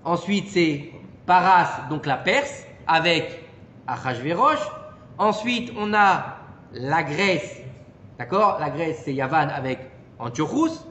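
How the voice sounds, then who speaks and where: Man, Torah teacher, lively questioning manner, roomy echo, faint background hiss. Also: a little high, slow. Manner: animated, questions the listeners and adds "d'accord?". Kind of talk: informal Torah lesson to a small group. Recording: echoey room with long reverb and faint noise.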